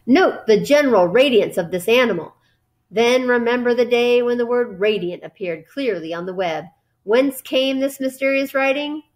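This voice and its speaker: A woman's voice: on the high side, lively intonation, normal speed, voice pushed up, close to an everyday voice. A woman voicing a pompous male fairground announcer in grandiose, formal oratory for a storybook. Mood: grand, assured.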